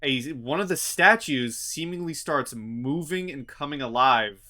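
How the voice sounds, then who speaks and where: A man running a tabletop fantasy game as game master, narrating in a halting way as he thinks aloud. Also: a little high, expressive, sharp tone.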